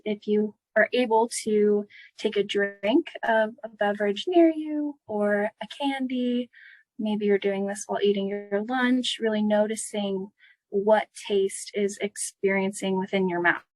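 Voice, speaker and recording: A woman therapist leading a grounding exercise in a conversational, unscripted way, giving gentle instructions with unhurried pauses. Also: mid-range voice, no room sound, poor audio.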